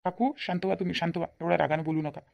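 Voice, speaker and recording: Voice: mid-range voice, steady tone, very fast, creaky, highs cut off, natural voice. A voice actor playing a meddling young village man in a cartoon, placating and persuading. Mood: persuasive. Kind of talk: cartoon voice acting.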